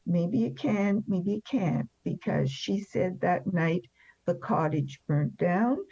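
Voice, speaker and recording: A French-born woman in her seventies or older who emigrated after the war gives a candid, plain-spoken interview about her life. Her fairly low voice is creaky and dark with a breathy edge, and she speaks slowly with lively intonation. The highs are cut off in the recording.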